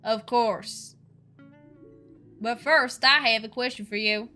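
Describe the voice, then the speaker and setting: A woman's voice: on the high side, slow pace, pushed and bright, faint music behind. A woman voicing an earnest, slightly anxious young doctor in a game.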